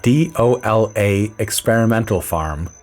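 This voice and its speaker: A man with a fairly low voice reads a first-person story. His delivery is dry, measured and low-key, in the even manner of scripted storytelling. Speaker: narrator.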